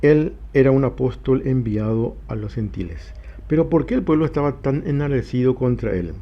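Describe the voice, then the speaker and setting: Male pastor, Bible study teacher, measured scripture reading, middle pitch, dull lo-fi recording. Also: expressive. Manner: reads scripture aloud slowly, then explains.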